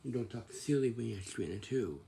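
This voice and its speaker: A man's voice: mid-range voice, lively intonation, brisk, creaky, mellow, husky. A man in his twenties talking casually to the camera, repeating himself and answering his own questions. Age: 20s. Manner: repetitive, asks himself questions and answers them.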